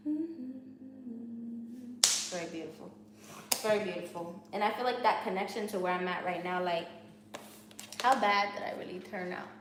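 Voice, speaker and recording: This Haitian Creole-accented woman vlogs about her studies in a medium-pitched voice at a moderate pace, pausing often. Candid and rambling, she restarts and repeats herself, and the recording comes from a very echoey, noisy room.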